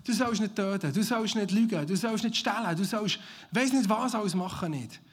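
A man preaching a sermon as pastor, enthusiastic and often laughing, swinging between loud praise and hushed, almost whispered reflection. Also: high voice, normal speed, slightly rough. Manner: laughs often, mixes English exclamations into his preaching.

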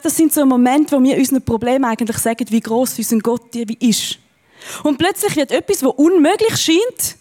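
A woman's voice: high voice, warm tone. Earnest woman preacher. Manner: earnest and encouraging, with emphatic rises. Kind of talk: sermon.

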